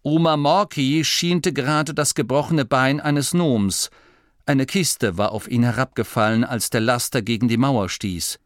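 A man narrating an audiobook in a lively, expressive reading voice. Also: mid-range voice, unhurried, dry recording, clean studio sound.

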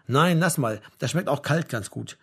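A man's voice: fairly high pitch, expressive, moderate pace, vocal fry, fairly bright tone, breathy edge, exaggerated voice. A man doing a curt, stubborn father. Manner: curt and dismissive. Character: terse, stubborn middle-aged father.

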